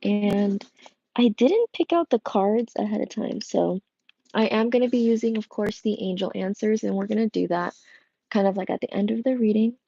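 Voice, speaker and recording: A young tarot reader chats casually on a livestream from a home room with a coffee machine, using an earbud headset mic. Her mid-range voice is dark, husky, worn and strained with vocal fry, at a moderate pace, rambling with many fillers and restarts in lo-fi sound.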